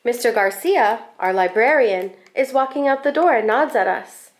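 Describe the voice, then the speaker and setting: Her voice a little high, a school staff member reads aloud from a children's picture book, shaping the tale in a deliberate, expressive storyteller's manner.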